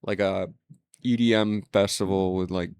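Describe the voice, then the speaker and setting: A man with a smooth, clear voice, recorded dry and close. He co-hosts a casual chat, telling stories and ranting with plenty of swearing. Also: sits low, steady tone, normal speed, darkish tone, no echo. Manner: profane, ranting storyteller. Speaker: podcast co-host.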